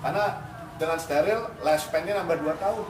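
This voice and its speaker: A man explains dog training to owners in a firm, casual way, slipping in English commands. His voice sits high. He is heard from a distance in a roomy space, with music underneath. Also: fast talker, background noise. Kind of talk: casual instructive coaching.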